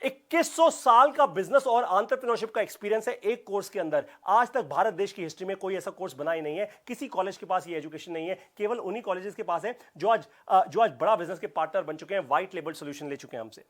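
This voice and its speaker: High-pitched, high-energy male business coach. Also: quick pace, few pauses. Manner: high-energy, emphatic, repeats phrases for punch. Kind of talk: live online business class with audience shout-outs.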